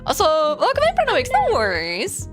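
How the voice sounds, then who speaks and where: A woman's voice: high-pitched, wildly swooping pitch, normal speed. A young woman from West Germany with a German accent, chatting casually and rambling with many fillers on a stream, music playing behind her. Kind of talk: casual chat.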